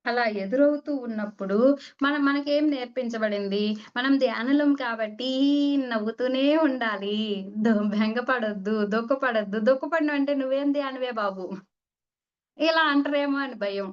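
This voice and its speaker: Higher-voiced woman giving a spiritual talk. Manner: conversational, acts out little dialogues. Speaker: meditation teacher. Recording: dull lo-fi recording.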